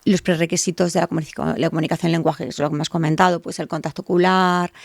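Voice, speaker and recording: A woman speaks as an expert guest in a podcast interview, patiently walking parents through practical advice. Her voice sits low with a gravelly edge. The sound is dry and close. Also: rapid-fire, no echo. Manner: clear explanatory talk with lively acted examples for parents. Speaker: child language specialist guest.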